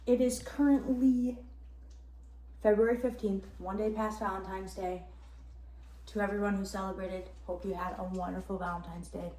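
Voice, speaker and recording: A woman's voice: mid-range voice, steady tone, normal speed, warm tone, echoey room, low-quality recording. A young woman from the Upper Midwest chatting casually in a vlog, rambling and upbeat, chewing gum as she talks. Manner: chewing gum while talking. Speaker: running vlogger.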